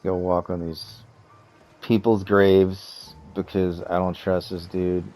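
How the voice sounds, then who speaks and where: Deep-voiced casual gamer. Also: male voice, little pitch movement, mellow. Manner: casual, halting, with frequent fillers. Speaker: let's play gamer. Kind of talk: reading dialogue options aloud and casual commentary.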